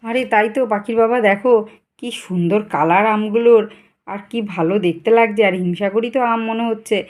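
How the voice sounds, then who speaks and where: A woman's voice: mid-range voice, darkish tone, close to an everyday voice. A woman voicing an eager village mother who coaxes and bargains in a chatty way. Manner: quick, coaxing and chatty.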